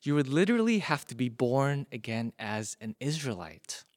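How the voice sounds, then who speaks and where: A male preacher acting out a stern guard of an ancient Israelite camp, speaking firmly and sometimes dropping to a hushed tone, in a dry close sound. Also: mid-range voice, big pitch swings, moderate pace, no room sound, close to an everyday voice.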